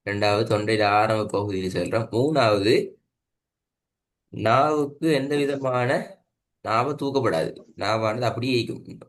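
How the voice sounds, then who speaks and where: A man's voice: lowish voice, measured pace, slight background noise. Patient man teaching Quran recitation. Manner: patient, repeats points and checks understanding. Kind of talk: one-on-one online lesson. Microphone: video call.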